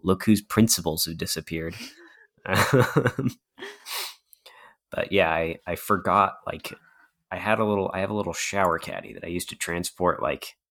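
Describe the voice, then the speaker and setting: 洞窟のような反響の中で話す低い声の若い男性. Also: male voice, low-pitched, moderate pace, a bit bright. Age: young adult. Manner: rambling and self-deprecating, laughs often. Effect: cave-like echo from a bare-walled room. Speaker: podcast co-host. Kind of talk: casual chat. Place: sparsely furnished campus apartment room.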